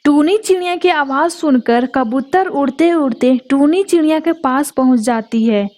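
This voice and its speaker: A woman's voice: sits high, unhurried, darkish tone. A woman narrating a cartoon story in a plain storytelling manner.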